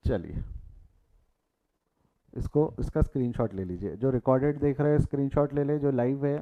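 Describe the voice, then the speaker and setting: Teaching accounting live online, a man with a mid-range voice and a dark tone speaks at a normal speed. He sprinkles in English terms, repeats crucial figures, and prods students to respond in the chat, with the recording sounding tinny and phone-like.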